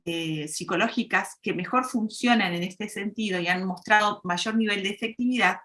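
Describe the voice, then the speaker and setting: A woman's voice: medium pitch, fairly bright tone. A woman psychologist giving an explanatory public talk, teaching through worked examples. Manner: didactic, uses worked examples. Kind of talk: explanatory lecture.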